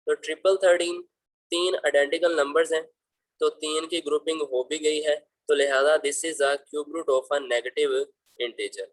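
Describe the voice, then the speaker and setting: A man's voice: fairly high pitch, fairly even intonation, unhurried, no room sound, poor audio. A man teaching school math in a patient, fatherly way, walking students through each problem step by step. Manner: patient, addresses students fondly as beta. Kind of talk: explaining math problems over slides.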